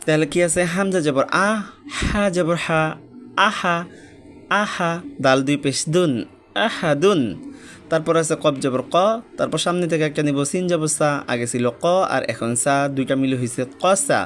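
A man's voice: on the high side, moderate pace, fairly bright tone. A man teaching Quran reading step by step, spelling each letter with its vowel mark and joining the syllables patiently. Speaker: religious teacher.

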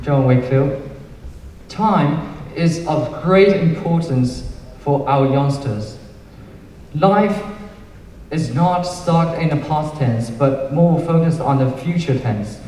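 A man's voice: fairly high pitch, a little hiss or hum. A man acting as master of ceremonies, introducing speakers at a formal university event from a stage mic. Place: large hall, on stage at a standing mic. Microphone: stand mic. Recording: roomy hall sound, heard from a distance.

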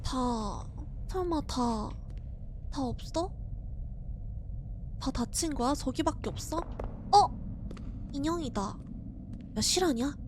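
A woman's voice: sits high, lively intonation, slow, pauses often, noisy background. A young woman streaming a horror game, talking herself through it, jumpy and frightened, laughing and shrieking as she plays. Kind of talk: horror game let's play commentary.

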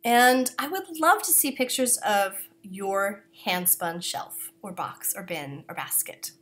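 A woman's voice: medium pitch, animated, slow, fairly bright tone. Woman, knitting podcast host, casual chatty delivery, coughing, self-deprecating. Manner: chatty, self-deprecating, apologetic, with many fillers. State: coughing, throat-clearing. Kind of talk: casual chat. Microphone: camera.

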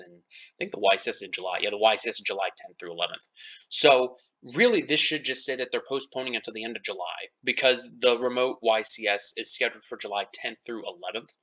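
A man's voice: on the low side, sharp tone, low-quality recording. An American man in a casual opinion rant, speaking in an irritated, blunt way with some swearing. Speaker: card game player and online commentator. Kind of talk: casual opinion rant over screen recording.

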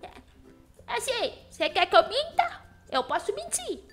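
A woman's voice: very high voice, big pitch swings, unhurried, a bit bright, full character voice. A woman voicing a cheeky, feisty little girl who hosts a children's Minecraft role-play, exclaiming in a childlike, bratty way. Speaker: host of children's gaming channel. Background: music.

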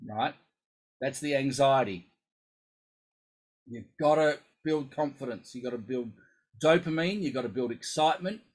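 A man coaching musicians through an emphatic, animated casual talk, often acting out inner voices. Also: mid-range voice, breathy edge, rough recording. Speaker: coach for musicians with focal dystonia.

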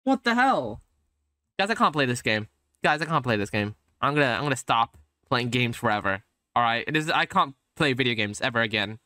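A young man streams a video game, commenting casually with lots of sarcasm, swearing and laughter while faint game music plays behind him. His mid-range voice sounds pushed and bright, with no room sound.

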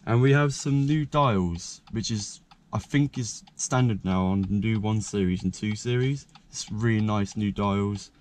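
A young car vlogger with a croaky, lowish, darkish voice rambles casually at a measured pace, dropping plenty of fillers as he films a point-of-view walkaround of his car. He shoots with a handheld action camera, moving between the outside and the inside of the vehicle parked beside a country lane.

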